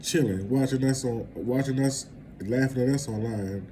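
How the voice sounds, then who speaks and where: A man's voice: mid-range voice, normal speed, warm tone, slight background noise, low-quality recording. A man vlogging casual celebrity gossip commentary, rambling and conversational and laughing at his own asides.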